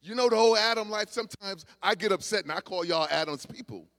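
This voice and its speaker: A male preacher with a high voice delivers a sermon to his congregation. He drops into quiet, conversational asides, then builds into loud, shouted exhortations. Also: fast talker. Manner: swings from low murmurs to shouted exhortation. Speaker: pastor.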